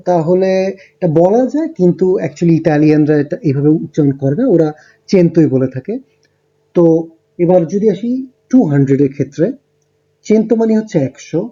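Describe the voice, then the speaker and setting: A man teaching a beginner language lesson, explaining step by step with frequent ums and pauses. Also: a little high, warm tone, husky, muffled recording. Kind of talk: lesson narration over slides.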